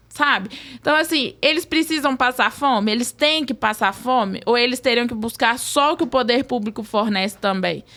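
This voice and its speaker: A woman's voice: on the high side, fairly bright tone. A Brazilian woman, a social services guest on a podcast, explaining earnestly at length with many fillers. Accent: Brazilian Portuguese.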